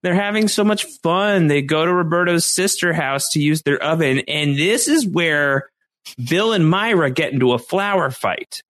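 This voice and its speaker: A man's voice: on the high side, moderate pace, a bit bright. A man co-hosting a podcast, recapping a show in casual chat and breaking into comic impressions. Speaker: podcast co-host.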